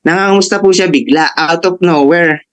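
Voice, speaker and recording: A man with a Filipino accent tells a personal testimony from home. His voice sits a little high for a man, and he talks in an excited, laughing way, putting on voices for the people in his story. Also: fairly quick. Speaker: church member giving a testimony. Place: at home, alone.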